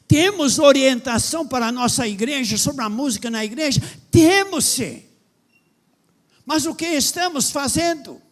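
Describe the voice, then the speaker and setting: Impassioned high-voiced pastor. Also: male voice, normal speed, hardly any pauses. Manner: impassioned, rising to loud emphatic questions. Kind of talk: sermon.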